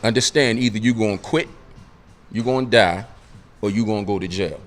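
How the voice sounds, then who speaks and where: A man in his late forties, appearing as a guest on a radio interview and podcast, speaks emphatically in street slang and drives his points home through repetition. His voice is on the low side and fairly quick.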